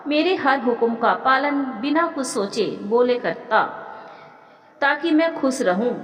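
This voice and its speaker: A woman's voice: a little high, a bit bright. A woman voicing a remorseful young daughter-in-law who talks in an anxious, self-reproaching way. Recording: echoey room with long reverb.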